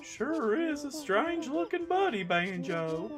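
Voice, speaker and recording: A woman's voice: sits high, big pitch swings, unhurried, music in the background, pitched above the performer's own voice. A woman voicing a short-sighted male mole who patiently explains things. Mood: instructive.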